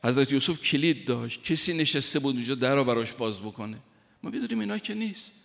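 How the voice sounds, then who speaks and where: A man's voice: medium pitch, expressive, gravelly, fairly bright tone. Emphatic male preacher in echoing hall. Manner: emphatic, recites Arabic verses slowly; speaks directly to listeners. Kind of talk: sermon. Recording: long hall reverb.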